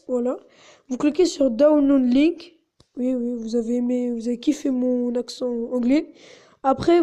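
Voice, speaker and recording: A woman's voice: sits high, warm tone. A woman narrating a casual step-by-step tutorial in a chatty way, with many fillers. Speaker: tutorial host.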